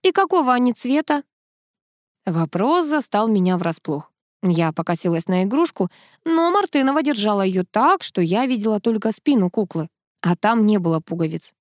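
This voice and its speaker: A woman reading a novel aloud in first person with steady scripted narration. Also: medium pitch, normal speed, no echo, clean studio sound. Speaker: audiobook narrator.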